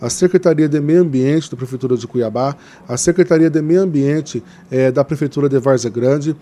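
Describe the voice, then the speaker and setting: A man's voice: on the high side, moderate pace, mellow. A man giving interview answers as a guest, earnest and hesitant with many fillers, growing impassioned as he speaks. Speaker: interview guest, Green Party member organizing a river cleanup.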